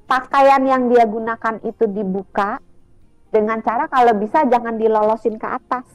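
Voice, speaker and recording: Brief: woman doctor on a radio interview, explains tips clearly and practically, dry sound, faint music underneath. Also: a little high, fairly even intonation, normal speed, dry recording. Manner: explains step by step, practical, with small fillers. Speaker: doctor guest.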